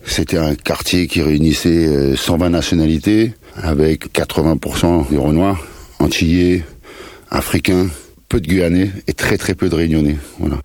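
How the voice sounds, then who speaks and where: A very deep, slightly mellow voice belongs to a musician in his fifties from the Paris suburbs, talking at a moderate pace with fairly even intonation. He rambles casually in an interview, using slang and bits of Creole. The recording is dry.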